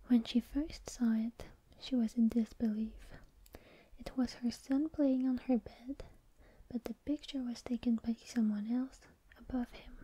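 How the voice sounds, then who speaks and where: Whispering woman, soft and dark ASMR reading. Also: fairly high pitch, poor audio. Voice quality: whispered, breathy unvoiced voice. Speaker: ASMR host reading scary stories. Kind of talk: whispered ASMR story reading with casual rambling.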